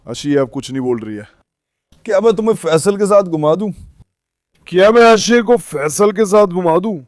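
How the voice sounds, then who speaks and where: Guy with a pretty high voice doing a farm vlog outside, super dry sound, keeps calling the animals his kids. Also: darkish tone, no echo. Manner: talks fondly to animals as children. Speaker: farm vlogger. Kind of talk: casual vlog narration. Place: outdoors on a farm.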